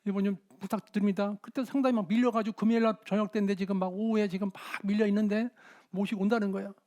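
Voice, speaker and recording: Middle-aged male pastor, high voice, animated sermon storytelling. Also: rapid-fire. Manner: animated storytelling, shouting out quoted dialogue. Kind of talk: sermon with dramatized anecdotes.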